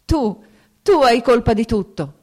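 A woman's voice: mid-range voice, animated, normal speed, warm tone, voice pushed up, natural voice. A woman reading the part of an anguished, jealous young noblewoman, with tearful, pleading outbursts. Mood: despairing.

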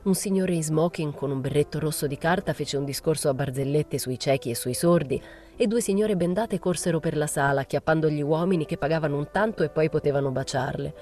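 A woman reading a novel aloud in a measured first-person narration. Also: low-pitched, darkish tone, faint music behind. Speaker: reader.

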